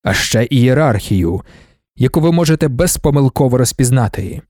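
Here is an ancient godlike emperor, calm and cryptic, read by a man. His voice sits mid-pitch with a dark, mellow tone, and he lets each weighty phrase land slowly. The sound is dry and close. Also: no room sound, close to an everyday voice. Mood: measured.

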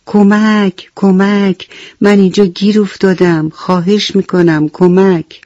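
A woman's voice: fairly low pitch, steady tone, darkish tone, dry recording, lo-fi sound, close to an everyday voice. A woman voicing a small, sulky, stubborn baby chick in a radio bedtime story, with childlike pleas for help. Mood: pleading. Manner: childlike pleading cries for help.

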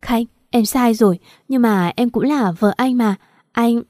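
A woman voicing a scheming, desperate young wife with a shrill, pleading manner, recorded dry and close. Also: a little slow, a little mellow, no echo, close to an everyday voice.

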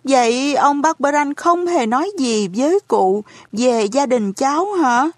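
A woman's voice: high voice, animated, a little slow, no echo, studio quality, voice pushed up. A woman voicing an anxious orphan boy who pleads urgently in a raised voice. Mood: pleading, anxious. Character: anxious orphan boy searching for his family.

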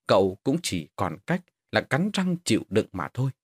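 Expressive male storyteller. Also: lowish voice, normal speed, husky, no echo. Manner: expressive, rises sharply in tense moments. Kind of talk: dramatic ghost story narration.

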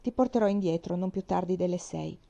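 A woman voicing a gentle, serious male doctor in a storybook reading, speaking kindly and with hesitation. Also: fairly low pitch, a little fast, gravelly, lo-fi sound. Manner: kind, hesitant.

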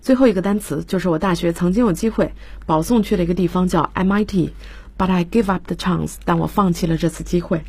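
A woman teaches vocabulary on a studio radio lesson, spelling each word out letter by letter. Her voice is low and a little husky. The sound is dry and close. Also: brisk, darkish tone, dry recording. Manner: explains patiently, spells words letter by letter. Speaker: English teacher.

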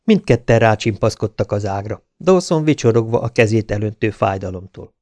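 A man reading an audiobook aloud with an even, dramatic storytelling manner. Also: on the low side, dry recording. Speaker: audiobook narrator. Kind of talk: scripted audiobook narration.

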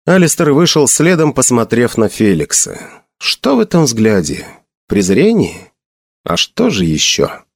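Male audiobook narrator, expressive, medium voice, dry sound. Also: mid-range voice, unhurried, creaky, no room sound. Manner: expressive, varied intonation. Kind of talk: audiobook reading.

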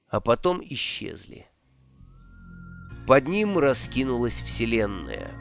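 A man narrating a fantasy audiobook in an expressive, theatrical reading style. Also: medium pitch. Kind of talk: scripted narration.

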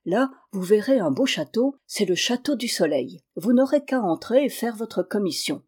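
A woman doing a gentle, wise old man. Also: medium pitch, lively intonation, normal speed, breathy edge. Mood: kindly.

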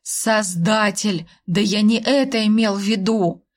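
A woman voicing a stern, weary male dragon husband who speaks slowly and firmly. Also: medium pitch, steady tone, close to an everyday voice. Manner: slow, firm, tired.

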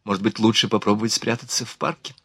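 A man voicing a frightened young woman who speaks in a hushed, anxious way, in an audiobook. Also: fairly low pitch, fairly even intonation, fast, breathy edge, no echo, full character voice. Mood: anxious whisper.

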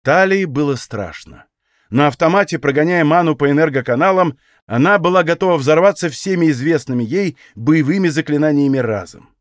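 A man reads a fantasy audiobook in a steady storytelling voice that sits a little high. The recording is dry and close, with no room sound. He keeps a measured reading pace. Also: no room sound. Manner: even storytelling, acts out dialogue. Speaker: audiobook narrator.

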